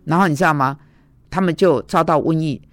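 A woman's voice: sits low, brisk, no room sound. Woman preacher telling a story. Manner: conversational, recounting dialogues. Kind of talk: storytelling sermon.

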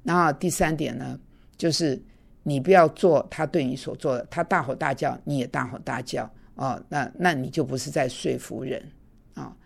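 A woman's voice: rumbling low, moderate pace, gravelly, husky. A woman teaching an online Bible class, earnest and conversational, slipping in English words now and then.

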